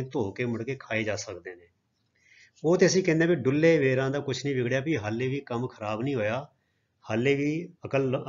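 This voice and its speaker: A man teaching a recorded grammar lesson in Punjabi. He reads English example sentences slowly and chants scripture quotes. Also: medium pitch. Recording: dull lo-fi audio.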